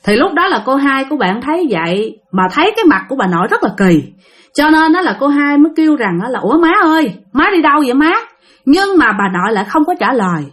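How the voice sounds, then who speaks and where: A woman telling a ghost story in a chatty way, often speaking straight to her listeners. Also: a little high. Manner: chatty, addresses listeners directly.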